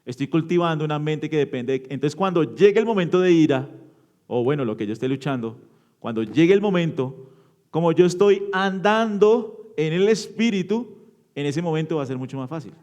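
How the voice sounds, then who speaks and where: A man preaching an interactive sermon in a church, asking the congregation questions and answering them, shifting from loud emphatic bursts to low quiet endings. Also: lively intonation, moderate pace. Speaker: pastor.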